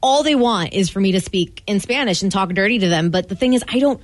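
A woman co-hosting a radio show, chatting candidly with her co-hosts. She talks at a quick clip in a mid-range voice. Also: medium pitch, expressive. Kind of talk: casual radio banter.

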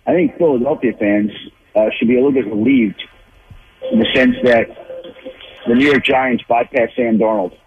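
A man's voice: mid-range voice, normal speed, a little hiss or hum. A man calling in as a football insider, thinking aloud with lots of restarts and repeated words. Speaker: NFL insider guest. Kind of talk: phone-in sports analysis. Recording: tinny phone line.

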